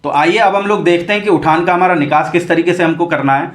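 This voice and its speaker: A man's voice: fairly high pitch, fast, reverberant. A man teaching tabla, patiently explaining step by step and addressing viewers as friends. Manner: recites tabla syllables and counts beats aloud. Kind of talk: spoken music lesson. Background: tabla drumming.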